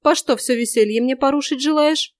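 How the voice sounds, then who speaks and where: A woman voicing a mischievous young female forest spirit who mocks and teases in a bright, sharp-tongued way. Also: high-pitched, brisk, no echo, studio quality, pitched above the performer's own voice, close to an everyday voice. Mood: mocking.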